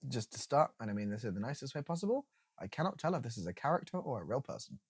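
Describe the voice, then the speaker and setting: A man's voice: mid-range voice, very animated, quick pace, breathy edge, no echo, studio quality. A man hosting a reaction commentary video, sarcastic and incredulous, with casual swearing.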